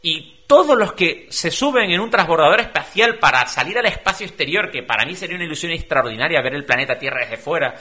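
Animated, bright-voiced middle-aged man. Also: fairly high pitch, quick pace, few pauses. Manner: animated, conversational, rhetorical questions and acted-out quotes. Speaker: guest speaker. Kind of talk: radio talk show conversation.

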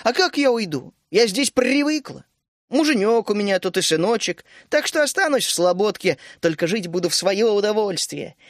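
A man voicing a small, cheerful, bossy female gnome queen in an audiobook who talks in brisk, loud, mocking exclamations. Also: high voice, big pitch swings, dry recording, clean studio sound, voice pushed up. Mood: merry.

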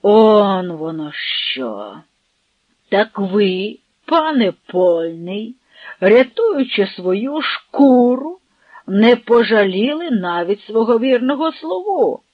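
A narrator doing a mocking Cossack leader. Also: male voice, high voice, big pitch swings, takes it slowly, no room sound, narrow, tinny audio, heavily acted. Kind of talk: audiobook narration.

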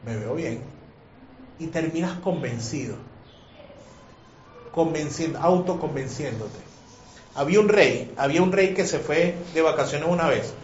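An animated man leads a religious class and keeps firing questions at the group. His voice sits a bit high for a man. The sound is muffled and lo-fi, with echo from the room and faint background noise. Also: a little slow, pauses often. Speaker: teacher.

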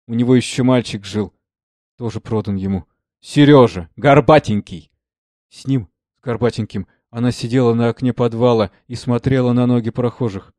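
A man narrating an audiobook in a measured, somber reading. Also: mid-range voice, steady tone, dark tone, no room sound. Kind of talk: scripted narration.

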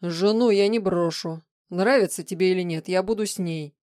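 A woman voicing a grim, stubborn young man in an audiobook reading, answering in terse, flat lines. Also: lowish voice, moderate pace, no echo, studio quality, natural voice. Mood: stern.

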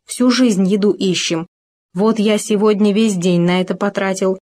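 Woman voicing grumpy greedy gopher, stubborn, raised pitch. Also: fairly even intonation, normal speed, a little mellow, close to an everyday voice. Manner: grumbling, stubborn.

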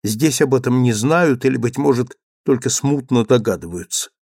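A man's voice: medium pitch, normal speed, darkish tone, dry recording, close to an everyday voice. A proud young country woman turns a suitor away in short, firm refusals. A man reads her part in the audiobook. The recording is dry and close.

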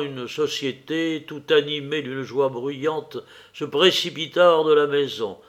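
A man reading a classic fantastic tale aloud in a measured, expressive way. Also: mid-range voice. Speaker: audiobook reader. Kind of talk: literary audiobook narration.

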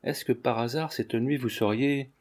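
A man reading a jaded young gentleman who speaks with ironic, exaggerated politeness. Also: medium pitch, fairly even intonation, normal speed, close to an everyday voice. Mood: mock-gallant.

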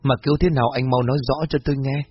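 Guy doing a scared teary young woman in a storybook, high pleading voice, husky, dull lo-fi sound. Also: fairly quick, faint music behind. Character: frightened young woman, tearful and desperate. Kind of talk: storybook narration.

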